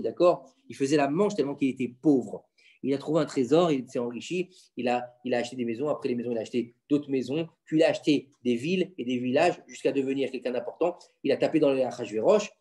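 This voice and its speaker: A man explaining religious stories to his children in a casual home lesson, animated and quizzing them with questions. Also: mid-range voice, fast talker. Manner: insistent, keeps the floor. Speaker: father teaching his children.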